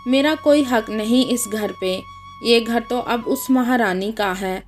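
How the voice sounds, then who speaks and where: A woman's voice: a little high, slow, soft background music. A woman voicing a resentful, complaining young unmarried sister in a read-aloud story. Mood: indignant. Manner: complaining and indignant.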